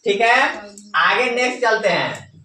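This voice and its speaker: A male teacher giving a classroom grammar lesson, drilling his students with quick call-and-response questions. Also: high-pitched, very animated, a crowd in the background. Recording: echoey classroom from far off.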